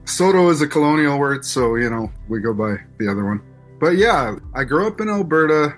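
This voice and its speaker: A man's voice: a little high, big pitch swings, brisk, faint music behind. A man in his forties from Canada, a musician talking thoughtfully about his late father in an interview. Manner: reflective, thoughtful, with restarts. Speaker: musician guest. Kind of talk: interview conversation.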